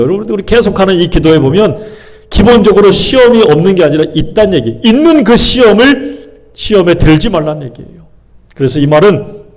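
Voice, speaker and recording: A man's voice: a little high, darkish tone. A male pastor preaching a sermon, posing questions to his congregation and answering them himself. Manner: acts out people's inner thoughts in shifting voices.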